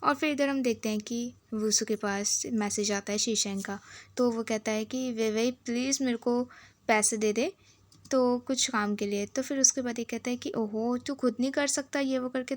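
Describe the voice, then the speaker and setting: A woman's voice: fairly high pitch, no echo. A woman casually retelling a drama episode, reading the characters' lines in her own voice. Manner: retells the scenes and reads each character's dialogue in her own voice. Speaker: drama recap narrator.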